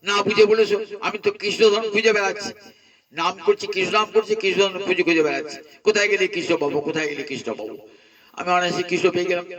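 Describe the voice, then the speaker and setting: A man voicing a proud, willful young queen who pleads and insists, speaking higher than his own voice. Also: steady tone, racing, fairly bright tone, distant mic, poor audio. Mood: eager.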